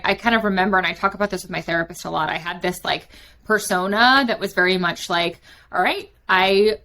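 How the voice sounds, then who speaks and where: A woman's voice: mid-range voice, fairly bright tone. A woman in her thirties who grew up in London, a guest talking chattily with many fillers. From London, England. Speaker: guest, company founder. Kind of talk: interview.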